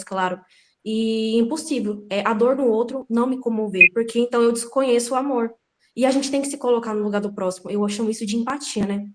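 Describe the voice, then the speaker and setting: A woman student joins a class discussion. Her voice sits a little high, and she speaks in a thoughtful, measured way. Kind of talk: class participation.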